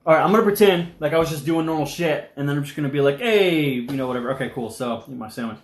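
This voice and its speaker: Young man, live-stream host, slightly high voice, rambling, animated, echoey room. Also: racing. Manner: rambling, animated, eating while talking. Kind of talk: casual live-stream chat.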